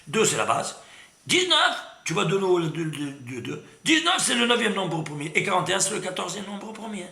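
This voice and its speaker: A man teaching a Torah class to a room of listeners, lively and emphatic, often stopping to ask whether everyone follows. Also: high voice, moderate pace, gravelly, echoey room. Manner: lively and emphatic, full of restarts, asks "C'est clair?" often. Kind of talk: animated Torah lesson.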